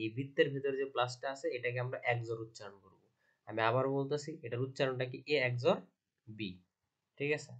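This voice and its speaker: Guy teaching off slides, keeps asking then answering himself. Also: medium pitch. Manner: repetitive, asks and answers own questions. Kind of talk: slide lecture.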